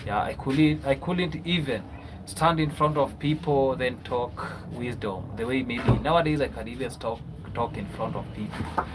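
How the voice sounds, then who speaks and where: A Kenyan man talks loosely and conversationally, as if hosting his own live broadcast, often checking in with a questioning "yeah?". His voice sits at an ordinary middle pitch for a man. Steady background noise and the odd passing vehicle run under his speech. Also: normal speed. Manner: chatty, tags many phrases with a questioning "yeah?". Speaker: livestream host. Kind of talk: casual livestream chat.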